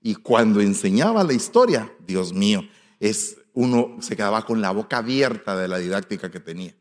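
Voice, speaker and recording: A man with a Guatemalan Spanish accent preaching as a pastor, telling folksy stories in an animated way, swinging between soft asides and loud exclamations. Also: lowish voice, moderate pace. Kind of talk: storytelling sermon. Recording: long hall reverb.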